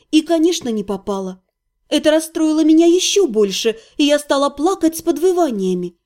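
A woman narrating a novel aloud in a lively, expressive way. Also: high-pitched. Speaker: audiobook narrator.

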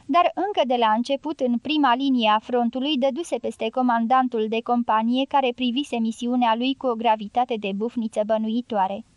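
A woman's voice: fairly high pitch, fairly even intonation, hardly any pauses, no room sound, dull audio. Woman narrating an audiobook, dry close sound. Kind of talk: scripted narration.

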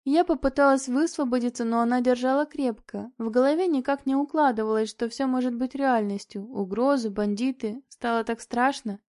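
A woman reads a novel aloud in the first person, steady and expressive. Her voice sits a little high, with a mellow, unforced tone. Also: normal speed, few pauses. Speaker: audiobook narrator. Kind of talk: scripted first-person narration.

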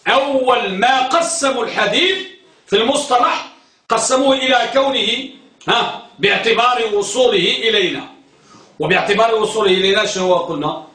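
A man's voice: extremely high pitch, fairly quick, bright, forceful tone. A man teaching a class, quizzing his students and repeating key terms. He often tells them to focus. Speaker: teacher of hadith terminology. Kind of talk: classroom lecture with questions to students. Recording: roomy, from some distance.

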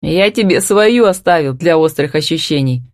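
A woman narrator voicing a gruff, domineering man who growls curt replies. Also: deep voice, lively intonation, normal speed, no echo, clean studio sound.

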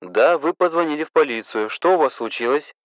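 A man's voice: on the high side, animated, fairly quick, no echo, dull audio, pitched above the performer's own voice, close to an everyday voice. Man as a weary, curt police duty sergeant. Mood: formal curt. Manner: curt, formal, patient.

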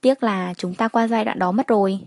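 A blunt, familiar young wife, as a woman narrator puts her on, chattering at a middling pitch. The voice sits dry and close to the mic. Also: normal speed, darkish tone, no echo, natural voice. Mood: chatty.

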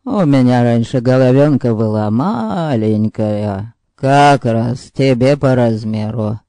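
A male narrator voicing a gruff, sullen man who grumbles in a deadpan way. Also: medium pitch, slow pace, no echo, studio quality, pitched below the performer's own voice.

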